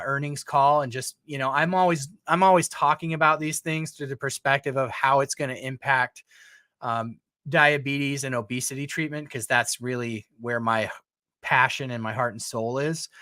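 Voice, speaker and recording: A man's voice: mid-range voice, bright, forceful tone, dry recording, clean studio sound. Chatty man hosting a live stream. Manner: chatty, frequent fillers and restarts. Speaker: podcast host. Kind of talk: casual live-stream chat.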